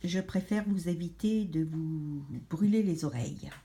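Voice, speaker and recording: Slow, rambling French craft vlogger woman. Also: on the low side, dark tone. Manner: chatty, rambling, hesitant with many pauses. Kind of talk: casual chat showing a colouring book.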